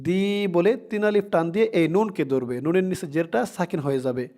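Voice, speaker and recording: A man teaching Quran recitation, spelling out syllables and chanting verses slowly for learners to repeat. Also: sits high, expressive, mellow. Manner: slow, drawn-out chanting of verses between quick explanations. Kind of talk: tajweed lesson, spelling out and reciting.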